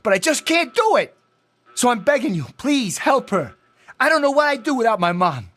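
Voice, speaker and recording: A man's voice: very high-pitched, very animated, moderate pace, fairly bright tone, exaggerated voice. A young man acting a panicked teenage tough boy in a video game, with an emphatic, pleading, slangy delivery. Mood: desperate pleading.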